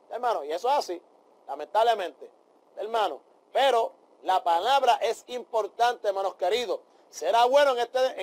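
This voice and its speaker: A man leads a Bible study in a fervent preaching style. His voice sits very high for a man, and he keeps calling out amén and aleluya to his listeners. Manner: addresses listeners as brothers.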